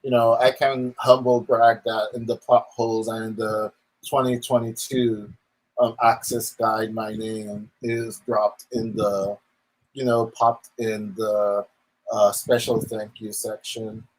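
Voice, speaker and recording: A man's voice: fairly low pitch, little pitch movement, takes it slowly, rough recording. A man delivers a casual opinion rant in the manner of an online commentator. He rambles along, leaning often on little verbal tics.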